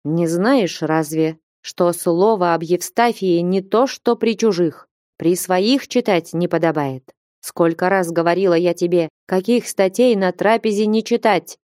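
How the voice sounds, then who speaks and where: A woman's voice: lowish voice, a little slow, a little mellow, no room sound, natural voice. A woman reading aloud and voicing a stern, fiery old abbess who scolds and commands in a raised voice. Dry, close sound.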